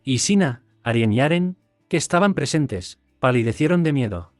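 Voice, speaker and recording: A man reading a scripted story recap as narrator, in an even storytelling manner. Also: medium pitch, normal speed, no echo. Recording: dry close mic, faint music.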